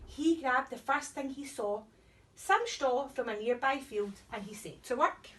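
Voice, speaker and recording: Female storyteller for young children: very high voice, sing-song and animated, recorded away from the mic. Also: a little slow, recorded from a distance, slight background noise, poor audio. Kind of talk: children's story read aloud.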